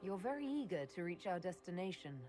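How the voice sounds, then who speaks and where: Inquisitive heroine, fantasy game, slightly low female voice, direct and level-headed, music clearly behind. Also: very animated, a little fast, warm tone. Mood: curious, probing. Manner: direct, questioning. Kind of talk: fantasy game dialogue acting.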